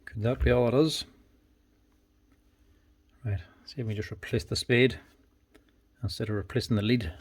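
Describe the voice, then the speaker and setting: A man's voice: mid-range voice, steady tone, moderate pace, long pauses. A man giving casual workshop commentary as a tool repairer, thinking aloud in short, plain remarks. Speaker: power tool repairer and video host. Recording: clear background noise, clicks and clatter.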